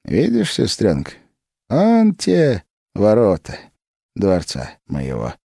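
A fervent, half-mad tsar, as a male narrator puts him on, who murmurs secrets low and then rings out in triumph. His voice climbs high and swings widely. Recorded close and dry for an audiobook. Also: wildly swooping pitch, slow, creaky, mellow, no room sound, exaggerated voice. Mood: secretive whisper. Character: exalted, secretive tsar, adult man.

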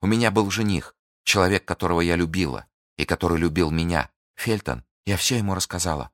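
A man's voice: low voice, a little fast, no room sound, lightly acted. Scheming young noblewoman, pleading and grand, read by a man in audiobook style, dry booth. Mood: imploring. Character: scheming noble young woman, proud and wounded. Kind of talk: audiobook reading.

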